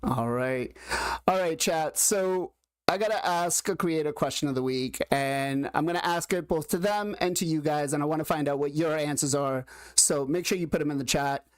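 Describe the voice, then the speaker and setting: A man hosting a casual livestream, introducing guests with drawn-out hype and asking chat questions. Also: a little high, clear, resonant tone, no room sound. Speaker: host.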